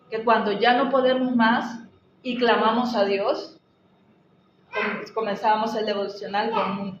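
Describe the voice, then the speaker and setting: A woman with a slightly high voice preaches a church sermon in an earnest, conversational way. She often restarts her phrases and talks directly to the congregation. The recording is roomy and somewhat dull, with faint noise underneath. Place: church hall.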